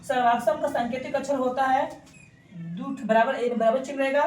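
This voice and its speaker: A woman's voice: sits high, fairly even intonation, a little fast, noisy background. A woman teaching a maths class, repeating key terms and quizzing her students. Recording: roomy classroom from a distance.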